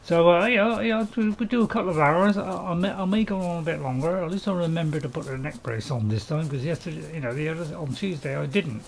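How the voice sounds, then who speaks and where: A man with a slightly high, creaky voice talks through a video game. He rambles casually, with faint noise and game ambience behind him. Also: fast talker, few pauses. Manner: rambling, chuckling asides. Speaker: gamer recording a playthrough.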